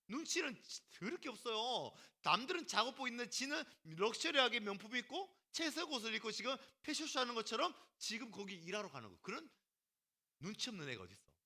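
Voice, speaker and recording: A man leads a youth-group sermon in a bright, high voice. His pitch jumps around a lot as he acts out little scenes. He calls on students by name and keeps the talk casual and teasing. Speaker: youth pastor.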